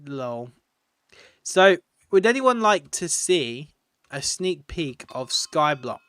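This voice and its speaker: A man talks his way through a game live stream, rambling and joking, with a tired edge. His voice sits a little high and sounds smooth and clear. The mic is close, with a dry sound. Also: big pitch swings, slow pace, fairly bright tone, no echo. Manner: chatty and rambling, laughs at his own jokes. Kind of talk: casual live-stream commentary.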